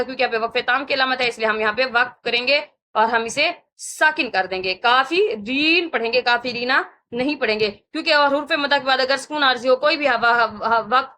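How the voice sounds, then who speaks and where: Woman tajweed teacher, high bright voice, patient slow drills. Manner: patient, repeats sounds slowly for learners to copy. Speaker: Quran recitation teacher. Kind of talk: tajweed lesson, step-by-step explanation.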